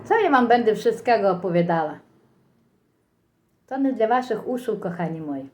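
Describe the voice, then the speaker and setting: A woman's voice: medium pitch, lively intonation, normal speed, a little hiss or hum. A middle-aged or older woman with a Ukrainian accent and slurred, toothless articulation, chatting casually and folksily to viewers in a rambling eating vlog. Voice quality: slurred articulation from missing teeth.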